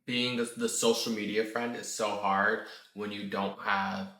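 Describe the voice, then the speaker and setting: A young man hosting a podcast in casual chat, animated and quick to laugh as he hypes up his guest. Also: fairly low pitch, echoey room. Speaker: podcast host.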